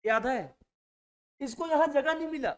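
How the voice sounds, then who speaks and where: A man's voice: extremely high pitch, normal speed. A man teaching a Hindi exam-prep class in a classroom. He repeats each point and keeps checking that his students follow. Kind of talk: classroom lecture.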